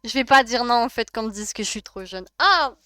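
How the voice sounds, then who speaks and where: A woman's voice: on the high side, quick pace, pushed and bright, clear, resonant tone, no echo. A young woman with a French accent streaming a life-sim game, chatting casually and gushing as she reacts to her chat. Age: young adult.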